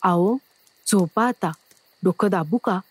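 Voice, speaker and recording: A woman voicing a devoted village wife who pleads softly with her husband in a storybook reading. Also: medium pitch, takes it slowly, breathy edge, dry recording. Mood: pleading. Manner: pleading, soft.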